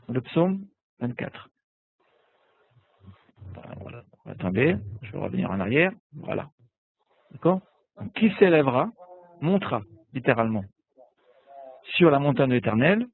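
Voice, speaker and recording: A man with a medium-pitched, creaky voice and a breathy edge teaches biblical Hebrew online. He is patient, repeats words, and often asks "d'accord?"; the recording is dry, coming through as tinny, phone-like webinar audio from an online call.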